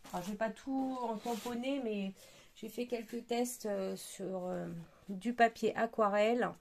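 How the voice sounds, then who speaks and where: Slow, gravelly-voiced woman presenting crafts. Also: fairly high pitch, fairly even intonation. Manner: chatty, hesitant with many fillers. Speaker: craft product reviewer. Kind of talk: casual product presentation.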